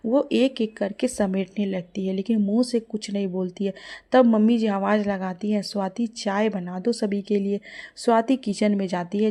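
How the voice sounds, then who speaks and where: A woman narrating a cartoon moral story in a sympathetic, expressive way. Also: medium pitch.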